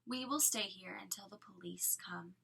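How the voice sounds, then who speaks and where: A woman's voice: medium pitch, moderate pace, creaky, pushed and bright, husky, full character voice. A woman reading aloud and voicing a frightened, defiant young teen boy who speaks urgently and accusingly.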